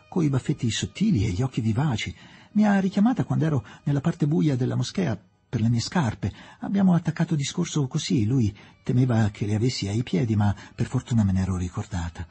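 A man reading an audiobook and voicing a gentle, dreamy elderly English woman who talks softly and forgetfully. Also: medium pitch, creaky, breathy edge, exaggerated voice. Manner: soft, wistful and forgetful.

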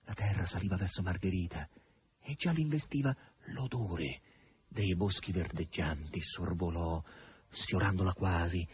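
A man's voice: deep voice, measured pace, a little mellow, slight background noise. A man reading a novel aloud with dramatic, lilting narration. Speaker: audiobook reader. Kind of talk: expressive literary narration.

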